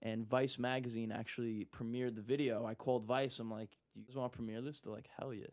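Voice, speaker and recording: A man's voice: medium pitch, quick pace. A young man telling a story in casual talk, acting out what people said. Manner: animated, acts out quotes. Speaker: guest.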